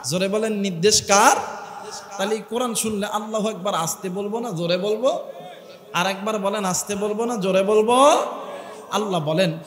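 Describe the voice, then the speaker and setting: A man delivers a fiery waz sermon. He climbs into shouted peaks, breaks into sung recitation, and presses his listeners to respond. The recording is roomy, with a long echo trailing each phrase. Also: high voice, moderate pace. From Bangladesh. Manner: call-and-response, urging the crowd to answer aloud. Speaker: Islamic preacher. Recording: echoey PA sound with long reverb.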